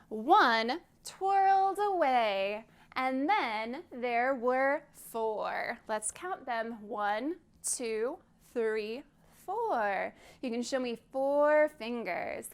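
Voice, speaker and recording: Reading to children during an online library storytime, a woman speaks gently and clearly, encouraging them to count with her. Her voice is fairly high.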